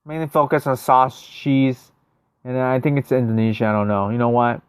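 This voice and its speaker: With little pitch movement, this American man's medium-pitched voice comes across clear and resonant at a normal speed. He's a casual streamer, chatting over gameplay, answering viewer messages and thinking aloud, and the audio is very dry, with no echo.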